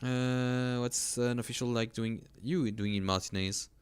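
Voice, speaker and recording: A man's voice: mid-range voice, steady tone, measured pace, clean tone. A male streamer giving casual, jokey gameplay commentary, rambling and stammering as he talks.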